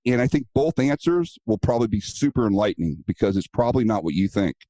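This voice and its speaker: A man with a low, warm, relaxed voice speaks as an interview guest. He tells stories in a casual, earnest way and acts out the other people's lines as he goes. The sound is dry, with no room around it. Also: fast talker, dry recording, rough recording. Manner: storytelling, acting out quoted dialogue; earnest, advice-giving. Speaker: guest, self-defense business owner.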